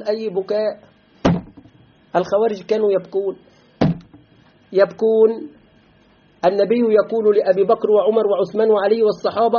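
A husky-voiced man with an Egyptian accent gives a religious lesson as a sheikh, pitched high for a man. He talks in an animated way, firing rhetorical questions and spelling words out letter by letter. The recording is slightly dull and lo-fi. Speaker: sheikh teaching a book.

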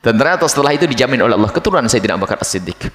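A man giving a religious lecture to a congregation, animated, acting out the voices of people he describes. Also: mid-range voice, racing. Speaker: Islamic preacher. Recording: echoey hall with long reverb.

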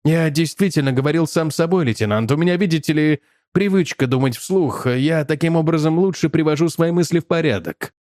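A man's voice: a little high, brisk, few pauses, darkish tone, no room sound, studio quality, close to an everyday voice. A man voicing an irritable, rattled businessman who talks in curt, snappish bursts. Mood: guarded.

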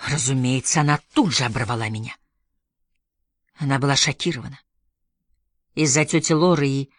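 A woman reading an audiobook, voicing a hesitant, guilt-ridden young man in a low, muted voice. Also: moderate pace, no echo. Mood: rueful.

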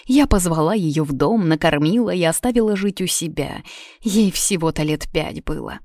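A woman's voice: lowish voice, animated, moderate pace, darkish tone, no room sound, clean studio sound. Woman voicing a sobbing old village witch. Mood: tearful. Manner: tearful, begging.

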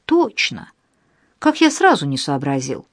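A cold, soulless male blackmailer played by a woman reader hisses threats over the phone in an audiobook thriller. His tone is unpleasant and rude, and the close, dry recording gives the menace no room to soften. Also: low-pitched, wildly swooping pitch, measured pace, dry recording, voice pushed down, heavily acted. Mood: threatening.

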